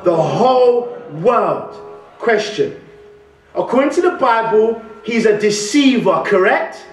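The high-pitched voice of a young West Midlands guest preacher comes at a slow pace, with faint music behind. He preaches animatedly, calling out questions to the congregation and gesturing widely at the pulpit. Recorded in a large church hall via a pulpit stand mic and far camera, the audio is distant and roomy.

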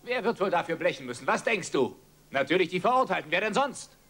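An actor playing a middle-aged father who gruffly lectures his grown son, in dubbed film dialogue. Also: high voice, very animated, fast talker, pushed and bright, full character voice. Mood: angry.

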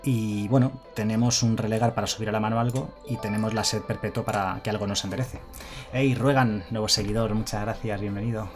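A man's voice: lowish voice, fairly even intonation, fairly quick, faint music behind. A man commenting live on his card game, chatting casually and reading viewer messages aloud. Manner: chatty, reads chat aloud and thanks followers. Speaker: streamer.

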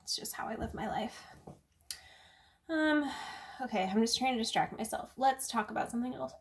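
A woman's voice: fairly high pitch, normal speed. A woman reviewing a drink in a casual vlog, chatty and sarcastic, full of fillers and swearing. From United States.

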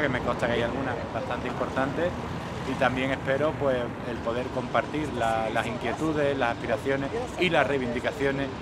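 A middle-aged man with an Andalusian accent, a conference director in a street interview, speaking formally and ending phrases with a questioning tag. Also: mid-range voice. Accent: Andalusian Spanish. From Spain. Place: outdoors on a busy city street. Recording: loud street traffic behind.

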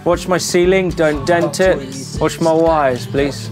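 Speaking slowly in a fairly high voice, this man chats his way through a casual vlog as he works on converting a van. He's tired from the labor and self-deprecating, and music plays behind him inside the unfinished van.

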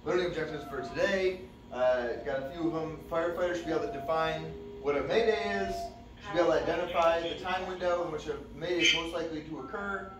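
Recorded from a distant camera in an echoey, dimly lit training room with a projector screen, this fire service instructor speaks quickly in a fairly high voice. His classroom presentation is casual and chatty, peppered with "uh," over background noise.

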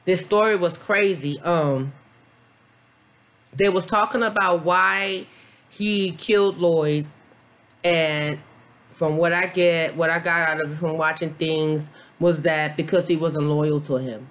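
A woman's voice: low-pitched, fairly even intonation, takes it slowly, a bit bright. Blunt, rambling woman vlogger. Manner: blunt, profane, rambling with many fillers. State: a little tipsy after a beer. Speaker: vlogger, mom reviewing a documentary. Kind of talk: casual reaction review.

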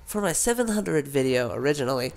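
A man's voice: medium pitch, sing-song, a little fast. A man with a sick voice, rambling casually as a gaming YouTuber, with many fillers and restarts. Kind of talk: rambling casual vlog talk.

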